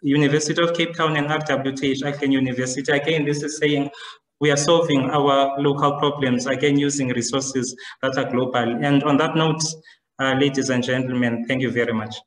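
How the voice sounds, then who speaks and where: A man ending his webinar presentation, speaking in an even way with halting uhs. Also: medium pitch. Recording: echoey, distant from the mic.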